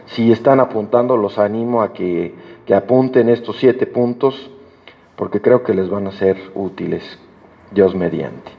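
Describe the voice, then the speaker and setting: A man preaching a sermon to a congregation, earnest and emphatic, rising in pitch to stress his points. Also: a little slow, vocal fry. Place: church hall. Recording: dull sound with long hall reverb.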